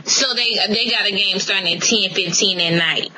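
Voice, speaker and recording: A woman's voice: mid-range voice, moderate pace, pushed and bright. A woman chatting casually on a phone call, sassy and insistent as she argues. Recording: phone call with faint background noise.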